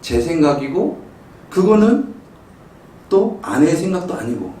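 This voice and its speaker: A middle-aged male pastor preaching a sermon, telling a family story and acting out his own shouted lines with animated storytelling. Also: a little high, a little slow, a little hiss or hum. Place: church sanctuary. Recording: roomy echo, mic some distance off.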